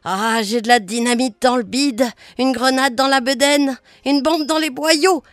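A woman voicing a furious old grandmother witch in a storybook reading, shrieking loudly. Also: sits high, fairly even intonation, measured pace, no room sound. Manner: shrieking, very loud.

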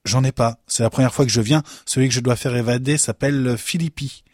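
A man doing a deadpan wheelbarrow escapist. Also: medium pitch, fairly quick, dry recording, studio quality, voice pushed up, natural voice. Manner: deadpan, matter-of-fact. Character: deadpan male prison intruder with a wheelbarrow.

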